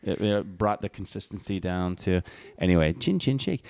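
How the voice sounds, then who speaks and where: A man's voice: low voice, animated, moderate pace, darkish tone. A man from Hawaii, a podcast guest telling rambling stories full of fillers and restarts. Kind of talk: casual podcast chat.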